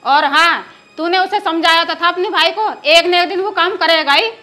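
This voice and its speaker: A woman's voice: extremely high pitch, normal speed, bright, forceful tone, faint music behind. A woman playing an indignant rural mother-in-law who nags and scolds. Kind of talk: rural film drama acting.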